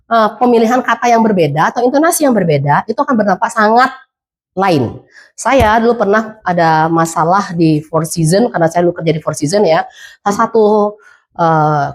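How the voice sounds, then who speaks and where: Balinese-accented woman lecturer, middle-aged, animated, keeps asking the class stuff. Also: mid-range voice. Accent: Balinese Indonesian. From Indonesia. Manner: lively, demonstrative, asks the class questions. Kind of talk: classroom lecture mixing English phrases.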